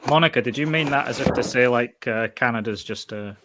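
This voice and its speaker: A man who is a podcast guest, chatting casually and making measured remarks. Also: mid-range voice, noisy background. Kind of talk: casual chat.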